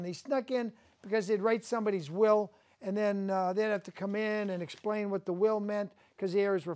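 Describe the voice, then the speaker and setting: A man's voice: high-pitched, darkish tone. Indignant ranting male talk host. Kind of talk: opinionated studio talk. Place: studio.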